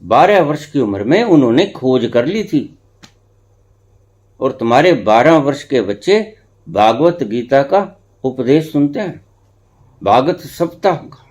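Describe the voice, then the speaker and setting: A man who is a spiritual teacher, giving a discourse to followers, swinging between hushed and emphatic and repeating phrases for effect. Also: mid-range voice, very animated, a little slow, long pauses.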